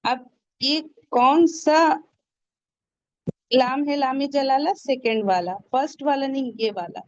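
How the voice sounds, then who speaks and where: A woman teaching a tajweed class. She explains each rule step by step, asks questions and answers them herself, and slows down to pronounce the Arabic words carefully. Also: sits high, darkish tone, dry recording, highs cut off. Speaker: Quran recitation teacher. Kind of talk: tajweed lesson.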